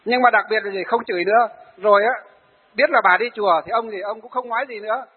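A Buddhist monk, giving a sermon to lay followers and telling stories of them in a lively way. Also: male voice, sits high, quick pace, husky. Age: 40s. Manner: storytelling, acts out the people he tells of. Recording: phone-like, hall reverb.

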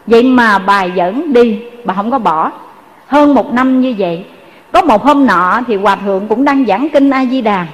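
A woman's voice: fairly high pitch, big-room sound, low-quality recording. A woman with a Southern Vietnamese accent telling a Buddhist story in a sermon, earnestly addressing her listeners. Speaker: Buddhist dharma speaker.

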